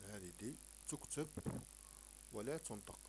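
A man's voice: fairly low pitch, expressive, unhurried, darkish tone, faint music behind, poor audio. A man teaching a French primary lesson in Arabic with an Algerian accent, repeating words and sounding out letters patiently.

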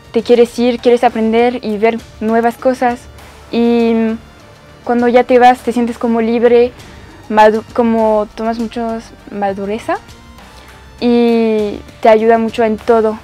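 Wearing a lapel mic on a studio set, a young French exchange student gives interview testimony about her experience. She speaks with a French accent in simple, searching phrases, her voice fairly high yet dark-toned.

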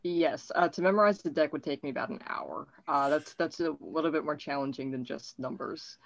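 A woman with a lowish voice hosts an online show, talking with her guest over a video call. She is friendly and giggly, passing along what viewers say in the chat. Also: brisk, vocal fry, no echo, highs cut off. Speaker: show host interviewing a guest. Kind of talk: casual interview chat.

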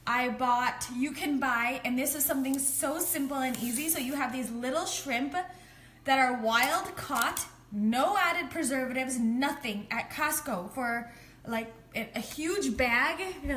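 Bright, high-voiced chatty woman. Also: a little hiss or hum. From United States. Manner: chatty, rambling, laughs often, frequent ums and restarts. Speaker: family physician and cooking vlogger. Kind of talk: casual live-stream chat. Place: home kitchen, indoors. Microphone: phone held at arm's length.

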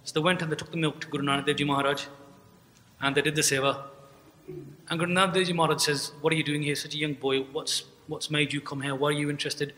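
At a gurdwara event, a young man gives a religious talk into a podium mic on a stand, telling a story earnestly and acting out the dialogue. His voice is a little high and sharp, with little pitch movement and a quick pace. The large indoor hall adds long reverb.

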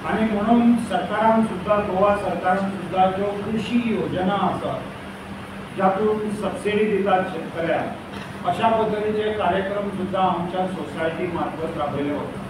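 An older man with a Goan accent gives a formal press conference talk in a high voice, working through names and figures. The room is very echoey and the mic sits far from him, with clear background noise. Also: moderate pace. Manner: steady, listing names and figures. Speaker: cooperative society official at a press conference. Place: hall with a banner behind a panel. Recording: echoey hall, distant mic, noisy.

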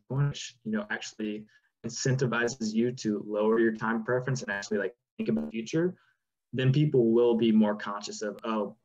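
A man in his twenties, a guest on a video-call interview, talking loosely with many fillers. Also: fairly low pitch. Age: 20s. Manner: relaxed, lots of "like" and "you know". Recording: dull lo-fi video-call audio.

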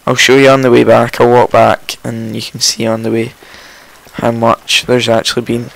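Croaky just-woken man narrating gameplay. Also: mid-range voice, completely flat delivery, normal speed, fairly bright tone, dry recording, poor audio. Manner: rambling, chatty, with frequent ums and self-corrections. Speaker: let's play host. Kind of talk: casual gameplay commentary.

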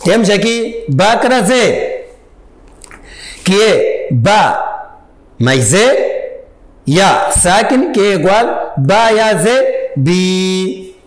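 Man, Mozambican Portuguese accent, very slow deliberate spelling, echoey room. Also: high voice, sing-song. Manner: spells letters and vowel marks one by one, with drawn-out syllables. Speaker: Tajwid teacher. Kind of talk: slow spelled-out Quran reading lesson.

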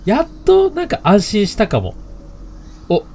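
A man's voice: high voice, wildly swooping pitch, unhurried, a little mellow. A man playing a horror game, commenting casually, reading lines aloud and joking. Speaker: game streamer.

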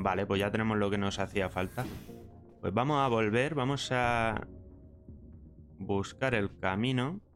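A young man with a Spain accent commentates his game play-through, excitable, swearing freely and laughing at what he sees. His voice sits a bit low, with faint music playing behind him. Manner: exclamatory, swears and laughs often. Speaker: gaming streamer.

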